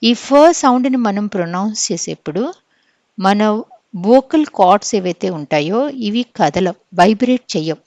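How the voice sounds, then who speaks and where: A woman teacher with a Telugu accent runs an English phonetics lesson for exam preparation. Her pitch sits in an ordinary middle range, and the recording is dry and close, with no room sound. She explains patiently, keeps asking "okay?", and spells words out slowly. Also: lively intonation, a little mellow, no echo, dull audio. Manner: explains step by step, checks in with frequent "okay?".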